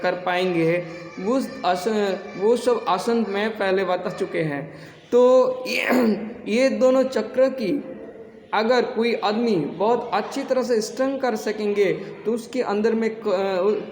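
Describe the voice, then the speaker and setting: Man, yoga teacher, halting casual talk, throat clearing, long reverb, faint ambience. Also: sits high, a little mellow, a little hiss or hum. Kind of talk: casual spoken instruction.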